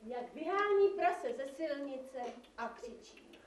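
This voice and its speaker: A woman's voice: high voice, lively intonation, a little hiss or hum. A woman playing a cheeky young she-devil who tells stories at a live puppet theater show. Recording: echoey room, from far off.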